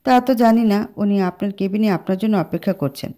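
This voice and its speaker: A woman's voice: medium pitch, fairly quick, warm tone, lightly acted. A woman as a polite male office assistant. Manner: formal, deferential.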